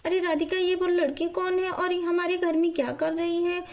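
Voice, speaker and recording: A woman's voice: very high-pitched, flat delivery, moderate pace, voice pushed up. A woman voicing a flustered husband who has just woken up and keeps repeating his questions.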